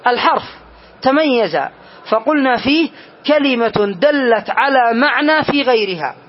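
High-voiced man teaching grammar, lo-fi. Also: measured pace. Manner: patient, repeats key phrases. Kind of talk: classroom lesson. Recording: dull lo-fi recording.

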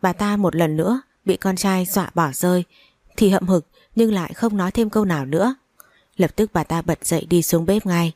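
A woman narrating a first-person family drama story in a steady reading voice. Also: lowish voice, moderate pace, dry recording, studio quality.

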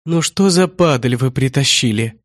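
A man voicing a shrill, irritable old male trader in an audiobook, snapping and squealing at those around him. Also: lively intonation, normal speed, no room sound, studio quality, lightly acted. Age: older. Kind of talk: audiobook character voice.

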